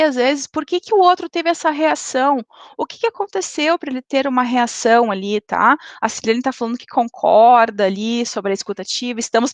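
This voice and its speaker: A woman lecturing in a webinar, speaking didactically and tagging points with quick checks to the audience. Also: sits high, vocal fry, a bit bright, no echo. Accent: Brazilian Portuguese. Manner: didactic, frequent "tá?" tag questions.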